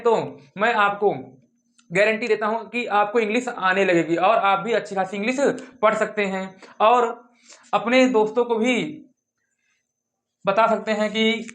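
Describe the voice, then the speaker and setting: A man with a fairly high voice teaches a lesson on pronunciation rules. He keeps asking a question and answering it himself, repeating each word several times in a patient drilling rhythm. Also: fairly bright tone. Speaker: English teacher. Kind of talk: classroom-style lesson.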